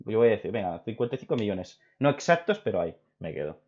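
A young man from Spain with a Spain Spanish accent, hosting a casual opinion chat and rambling excitedly with many restarts. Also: on the low side, fast talker. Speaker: video host. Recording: dull lo-fi recording.

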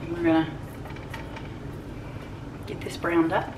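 A woman's voice: on the low side, flat delivery, slow pace. Chatty older woman cooking at home. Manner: homey, chatty, with soft laughs and fillers. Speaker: home cooking channel host. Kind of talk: casual cooking demonstration. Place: home kitchen. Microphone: camera mic across the kitchen. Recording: distant camera mic with background noise.

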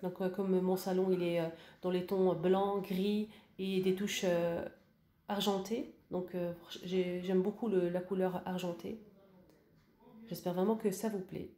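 A woman narrates a casual home decor tour, showing off her purchases in a lowish, mellow voice with little pitch movement and a measured pace. She talks hesitantly with many fillers and restarts, and the sound is roomy.

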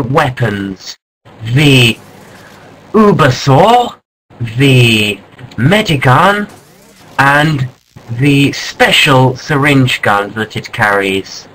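A man narrating a mock nature documentary in a mock-serious, deadpan way, breaking into startled exclamations. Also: medium pitch, extremely slow, pauses often, a little hiss or hum, poor audio.

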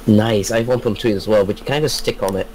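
A man's voice: on the low side, fairly even intonation, quick pace, a little mellow. A man playing a team shooter, chatting casually with teammates and giving callouts. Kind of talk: casual gaming chat, tactical callouts. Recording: noisy game voice chat.

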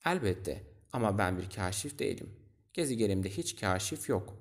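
A man's voice: lowish voice, expressive, moderate pace. Old storybook geographer, bookish, self-important, lecturing, a man reading him.

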